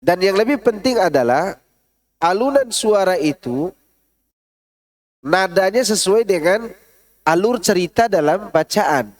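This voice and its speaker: High-voiced man giving a mosque lecture. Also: expressive, measured pace, pauses often. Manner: explains with spoken examples and recites Arabic verses in a melodic tone; asks the audience rhetorical questions. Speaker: ustadz giving a Quran tafsir study. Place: large mosque hall. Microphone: stood up while speaking.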